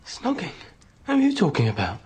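Lovestruck teen wizard Ron. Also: male voice, high-pitched, huge pitch swings, fairly quick. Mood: dreamy. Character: lovestruck teenage wizard boy, dazed and dreamy. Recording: film clip with loud background noise. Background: noise.

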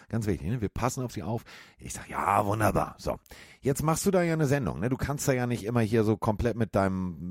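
A middle-aged man telling a story in casual chat, animated and acting out other people's voices, with many fillers. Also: low-pitched, no echo, studio quality. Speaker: podcast co-host.

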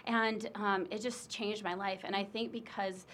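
A chatty woman from Illinois, talking casually as an interview guest. Her pitch sits in the middle range. She keeps filling her sentences with ums and you knows. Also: steady tone, moderate pace, fairly bright tone, slight background noise. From Illinois, United States. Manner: chatty, many fillers like um and you know. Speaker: international admissions recruiter.

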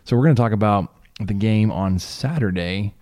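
A man co-hosting a sports podcast in relaxed, chatty talk, his voice a little strained from shouting at a game. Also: fairly low pitch, brisk, no echo, clean studio sound. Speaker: podcast co-host. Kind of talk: casual sports chat.

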